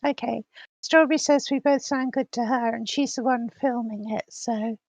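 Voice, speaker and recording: A woman's voice: fairly high pitch, fairly even intonation, normal speed, no echo. A woman co-hosting a casual livestream chat, her voice coming through glitchy, robotic voice-chat distortion. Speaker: livestream co-host asking questions.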